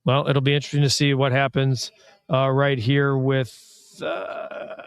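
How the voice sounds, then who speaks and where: A man hosting a live basketball draft reaction show, trading quick, teasing banter with his co-host. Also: mid-range voice, flat delivery, gravelly, clean tone, dry recording, clean studio sound. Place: arena media room.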